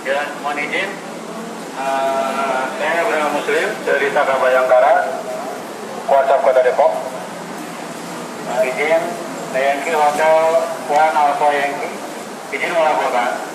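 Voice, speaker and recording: A man reports in over a two-way radio, formal and deferential, asking permission before he speaks. His voice sounds far off and echoey, under loud static. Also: on the high side, fairly even intonation, measured pace, pauses often. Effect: heard over a two-way radio. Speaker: scout volunteer reporting from the field. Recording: distant, echoey, noisy radio transmission.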